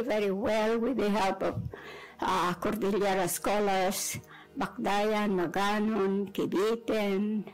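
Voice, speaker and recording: An older woman with a Filipino accent, giving a measured academic lecture at a conference with personal asides. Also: mid-range voice, poor audio. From Philippines. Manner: measured, digressive delivery with asides. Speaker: conference speaker.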